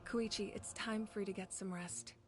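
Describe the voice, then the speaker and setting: A woman's voice: mid-range voice, fairly even intonation, moderate pace, soft background music, close to an everyday voice. A woman voicing a kind, composed leader who speaks with gracious authority in a video game.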